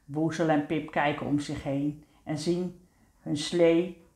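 A woman narrating a children's story in a gentle, unhurried way. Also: low-pitched, steady tone, reverberant. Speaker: storybook reader.

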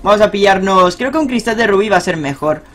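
A young man giving live, excitable commentary on his own ranked game, swearing and cheering at big plays. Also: high voice, fast talker, a little hiss or hum. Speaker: gaming streamer.

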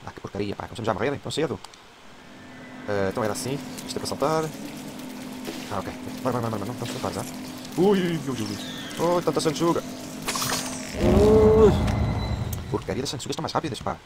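Male let's-player, European Portuguese accent, jumpy and chatty, game sounds clearly audible under the voice. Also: fairly low pitch, racing, long pauses. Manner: excitable, yelps and swears at jump scares, mutters to himself. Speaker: gamer playing a horror game. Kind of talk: let's play commentary. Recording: clear game noise behind voice.

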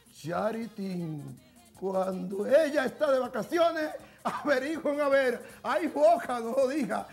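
A man's voice: very high-pitched, vocal fry, exaggerated voice. A man playing a flamboyant woman who presents TV gossip. He talks in a camp, theatrical way and calls everyone "my love" in a TV studio with faint music behind. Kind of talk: sketch comedy gossip segment.

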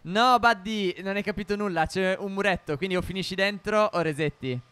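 A man co-hosting a gaming video with expressive, casual commentary on his own play. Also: sits high, a little fast, clean tone, no room sound.

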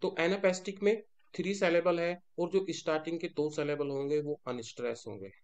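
A man's voice: on the high side, fairly even intonation, fairly quick. A man with an Indian accent teaching a lecture, mixing in English terms and answering his own questions. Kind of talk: classroom-style lecture.

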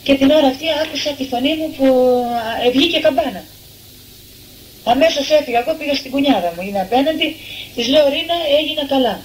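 A woman's voice: high-pitched, a little hiss or hum, rough recording. An older woman giving a personal testimony, telling her story earnestly and voicing what others said to her. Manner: earnest, acts out the lines of others. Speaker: testimony giver.

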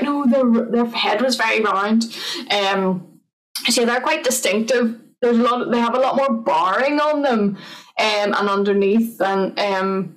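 A woman gives an informal online wildlife talk, chatting her way through slides with plenty of "um"s. Her voice sits at a middle pitch. She is heard from a little distance away from the microphone. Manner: chatty, filler-heavy, friendly explaining. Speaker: conservation officer giving an online talk.

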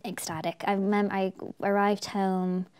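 A young woman with an Irish accent talks casually as an interview guest. She tells her stories with animation, slipping into quoted voices, at a medium pitch. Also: normal speed, clear, resonant tone. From Ireland. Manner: chatty, animated storytelling with acted-out quotes. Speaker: guest, TV presenter.

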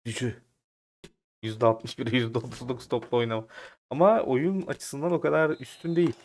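A young man giving excited play-by-play as he plays a football video game, urging his players on and swearing when chances slip away. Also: medium pitch, normal speed. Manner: animated, shouts at players, swears in frustration. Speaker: gaming YouTuber. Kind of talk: excited gameplay commentary.

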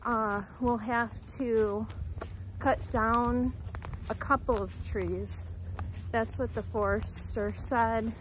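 A woman calmly narrating a walk through her woods, pausing often as she points out plants and animals. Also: a little high, a little hiss or hum, poor audio. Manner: calm, unhurried, pausing often. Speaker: homestead vlogger. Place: outdoors in woods by a creek. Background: faint insects and outdoor ambience.

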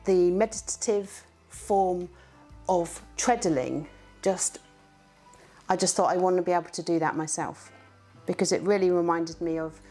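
A woman's voice: lowish voice, a little mellow. A woman teaching a beginner how to treadle a spinning wheel, in a chatty, encouraging way, counting out the rhythm as she demonstrates.

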